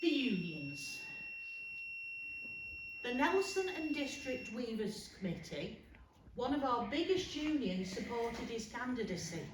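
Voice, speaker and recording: Playing a rousing working-class suffragist, an actress gives a theatrical rally speech in a monologue, emphatic and punctuated by deliberate pauses, live before an audience in a public hall. Her slightly high voice has a sing-song quality, and her mood is pointed and indignant. The audio is roomy, distant, and noisy.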